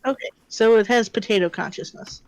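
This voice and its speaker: A woman's voice: a little high, a little fast, a little mellow, dull audio. A woman playing a tabletop role-playing game, chatting casually with a dry, sardonic manner.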